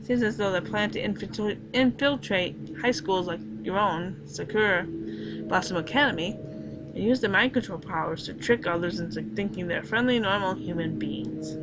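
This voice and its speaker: A woman's voice: medium pitch, normal speed, music in the background, close to an everyday voice, low-quality recording. A woman voicing a cute little creature who speaks as a grave, portentous ancient demon lord, read from a visual novel. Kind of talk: reading a visual novel aloud.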